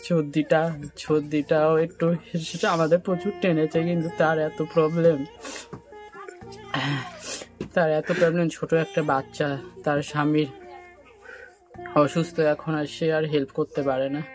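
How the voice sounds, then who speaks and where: A man's voice: a little high, little pitch movement, a little slow, long pauses, soft background music. Tearful young man telling his hardship. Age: 20s. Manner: tearful, voice rising and breaking. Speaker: interviewee caring for sick parents. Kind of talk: emotional personal account.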